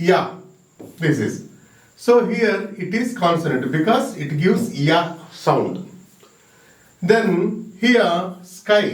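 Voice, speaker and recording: Guy teaching grammar real slow, high-ish voice, echoey room, a bit far from the mic. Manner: slow and emphatic, repeats key words and spells out sounds. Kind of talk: exam-prep grammar lesson, mixing English and Telugu. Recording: roomy echo, mic at a distance.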